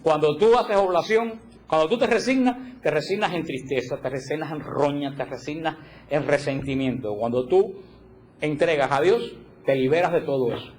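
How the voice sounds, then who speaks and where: A man giving a religious teaching talk, animated, acting out little quoted voices and repeating points for emphasis. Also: fairly high pitch, normal speed, slight background noise. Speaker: catechism teacher.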